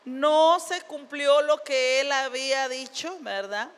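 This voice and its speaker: High-voiced woman preaching slowly. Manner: retells scripture in plain words, with frequent tag questions. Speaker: pastor. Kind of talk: sermon. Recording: long reverb of a church hall.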